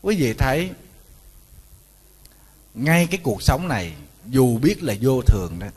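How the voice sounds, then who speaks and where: A man with a Southern Vietnamese accent, a Buddhist monk giving a storytelling sermon, animated and joking, talking straight to his listeners. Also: mid-range voice, unhurried, breathy edge, long reverb tail. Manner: animated, joking, addresses audience directly.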